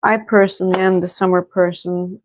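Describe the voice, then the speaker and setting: A Turkish woman with a fairly low voice hosts a tarot reading livestream on poor audio with slight background noise. She's relaxed and slow-paced, chatting with viewers and laughing softly.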